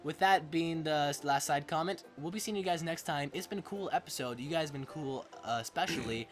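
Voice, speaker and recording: A man's voice: fairly high pitch, fairly quick, faint music behind. A man hosting a let's play, joking and rambling in casual commentary.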